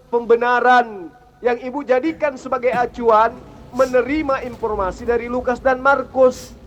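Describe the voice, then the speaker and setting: A very high-voiced man presses his points in a heated religious debate, lecturing and challenging. The sound is dull and lo-fi. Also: a bit bright.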